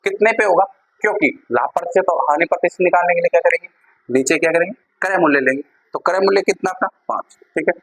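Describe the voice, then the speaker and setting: A male maths teacher talks students through a lesson one step at a time. His voice is a little husky and sits slightly high. He stops often to check that the class is following. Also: quick pace, fairly bright tone, poor audio. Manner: repeats steps, keeps checking in with students.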